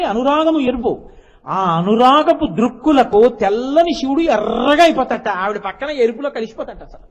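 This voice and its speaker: An older man with a very high-pitched voice delivers an emphatic devotional discourse, his volume swelling and dropping as he slows to chant verses. The recording is dull and lo-fi, carried by the long reverb of a large hall. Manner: emphatic, swings between soft and loud, slows to recite verses. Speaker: spiritual speaker.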